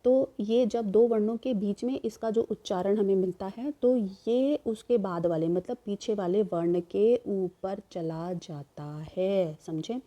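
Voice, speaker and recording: A woman's voice: medium pitch, unhurried, hardly any pauses, mellow. A woman teacher giving a grammar lesson, explaining step by step and asking and answering her own questions. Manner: repeats "ठीक है" to check understanding.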